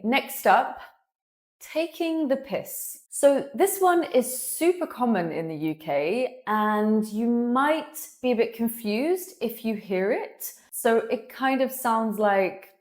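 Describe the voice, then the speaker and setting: A young woman, teaching in an upbeat, clear way and acting out short example phrases. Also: mid-range voice, a little mellow. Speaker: English teacher. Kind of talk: scripted lesson.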